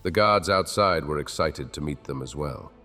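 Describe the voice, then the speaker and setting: An actor playing a proud, anxious king cursed with a golden touch, speaking in a deep, slow, stately way in an ASMR audio drama. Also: expressive, pushed and bright, in a large hall, faint music behind, exaggerated voice. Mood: grave.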